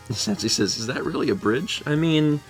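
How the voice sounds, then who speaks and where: A man's voice: medium pitch, animated, unhurried, faint music behind. A man hosting a casual livestream, rambling and repeating himself as he muses and reads out viewer comments. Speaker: livestream host.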